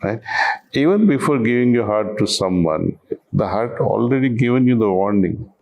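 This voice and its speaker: A man speaking as a spiritual teacher in a calm, reflective conversation, talking in a slow, measured way. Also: fairly low pitch.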